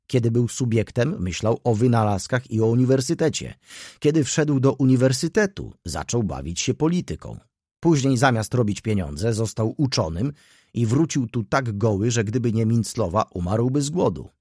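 A man's voice: medium pitch, darkish tone, slightly rough, dry recording, studio quality. A man voicing a stern, ironic middle-aged male doctor who talks in a brusque, scolding way, in an audiobook reading.

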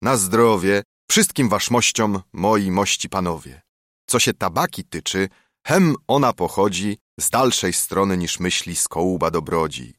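A man's voice: sits low, lively intonation, a little slow, a bit bright, no room sound, clean studio sound. A man voicing an old Bernardine friar who speaks with hearty, oratorical persuasion. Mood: genial.

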